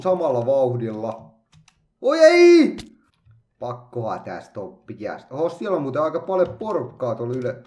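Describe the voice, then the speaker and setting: A man giving playful, excitable let's-play commentary, chattering to himself and making silly sound effects as he plays. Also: mid-range voice, roomy sound, muffled recording. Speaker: gaming YouTuber.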